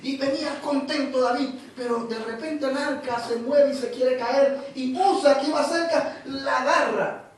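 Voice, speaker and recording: A Panamanian man preaching a sermon in an animated storytelling way, repeating words as he goes. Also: extremely high pitch, a little slow, heavy reverb, recorded from a distance, low-quality recording. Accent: Panamanian Spanish.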